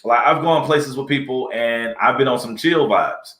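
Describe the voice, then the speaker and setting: Male comedic actor, interview guest; relaxed, anecdotal, echo in the room. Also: medium pitch, normal speed. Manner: relaxed storyteller, acts out quoted people. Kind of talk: casual interview chat. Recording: roomy echo.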